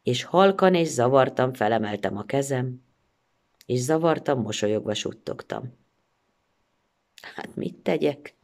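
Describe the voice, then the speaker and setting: An actress performs a first-person story as a theatrical recital. Her delivery is expressive, moving between pleading and irony. Her pitch rises and falls in wide, lively swings. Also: pauses often.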